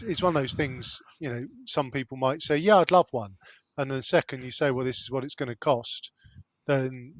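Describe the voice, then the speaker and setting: A man's voice: mid-range voice, no echo. A man hosting a discussion, asking questions casually in tentative, roundabout phrasing. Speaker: discussion host. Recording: dull lo-fi microphone.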